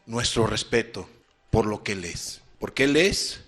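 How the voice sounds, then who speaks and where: A man from Mexico preaching a sermon, dropping low and quiet at times, then rising loud and emphatic as he reads scripture. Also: measured pace. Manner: rises to loud emphatic declaiming on scripture, drops low and soft between.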